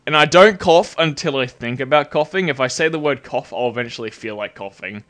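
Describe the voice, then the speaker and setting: A gameplay commentator gives casual, rambling commentary over a video game, sounding nasal from a cold. His mid-range voice moves briskly, breaking into bursts of excited yelps.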